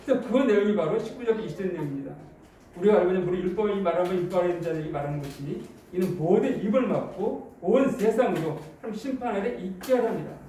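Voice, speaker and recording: A man's voice: high voice, expressive, quick pace, warm tone, a little hiss or hum. A Korean-speaking male pastor preaching a sermon, walking through scripture and acting out everyday examples with quoted dialogue. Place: church sanctuary. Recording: echoey church hall, mic at a distance.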